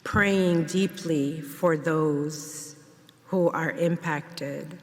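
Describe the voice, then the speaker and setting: A woman from Jamaica giving a memorial eulogy in a church, speaking in a measured, reflective way. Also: low-pitched, steady tone. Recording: long church reverb.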